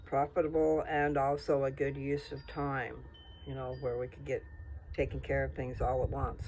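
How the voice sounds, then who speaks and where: A man's voice: fairly high pitch, gravelly, a little mellow, slight background noise. A man talking in a casual, folksy, rambling way, thinking aloud as if to someone he knows. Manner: folksy, informal, thinking aloud with trailing asides.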